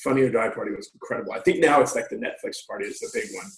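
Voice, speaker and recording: Man, 40s, stand-up comic, casual profane storyteller, roomy echo, mid pitch. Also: lively intonation, very fast, vocal fry. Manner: loose, profane storytelling with quoted dialogue. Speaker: stand-up comedian guest. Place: room at home. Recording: echoey room.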